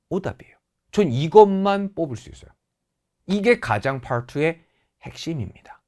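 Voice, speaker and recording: A woman's voice: deep voice, darkish tone. A woman teaching a TOEIC English class in Korean with Korean-accented English phrases, acting out quoted dialogue in exaggerated tones. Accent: Korean, with English example phrases. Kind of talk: lively lecture.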